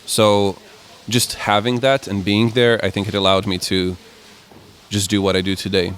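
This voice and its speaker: A young man in his twenties from Croatia, answering interview questions in a relaxed, rambling way. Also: lowish voice, moderate pace, slight background noise. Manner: relaxed, rambling with many "like" and "kind of" fillers. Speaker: musician guest.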